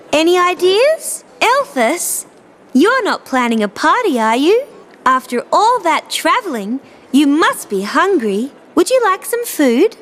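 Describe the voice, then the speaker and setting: Very high, cheerful Dorothy the Dinosaur. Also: female voice, a bit bright, full character voice. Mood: playful wondering. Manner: sing-song, simple, carefully enunciated, addressing small children. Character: cheerful, kindly female dinosaur friend for young children. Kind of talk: children's show character presenting to young viewers.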